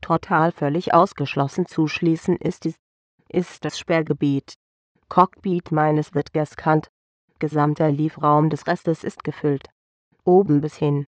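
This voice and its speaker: A man's voice: a little high, fairly even intonation, unhurried, no room sound, close to an everyday voice. A man voicing a cheerful female alien delivery pilot who speaks in broken, scrambled word order. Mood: refusing.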